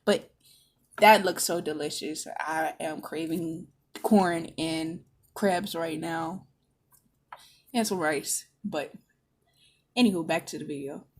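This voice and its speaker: A woman rambles through casual reaction commentary. Her voice is low and husky, and she tells her stories in a chatty way. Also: takes it slowly, long pauses. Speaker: reaction video host.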